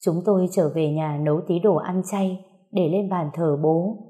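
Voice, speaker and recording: A woman narrating a first-person ghost-story website tale in a measured, sorrowful way. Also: on the low side, fairly even intonation, warm tone.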